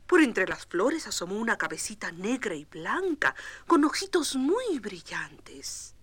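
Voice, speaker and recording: Expressive woman storyteller, dry studio. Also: mid-range voice, a little slow, husky, no echo. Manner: expressive and tender. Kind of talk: storybook record narration.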